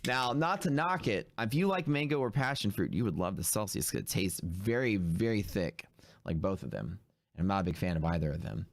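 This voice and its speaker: A man's voice: lowish voice, dry recording. A hungover man chatting casually and in laid-back slang as he hosts a livestream. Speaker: host of a live day-trading stream.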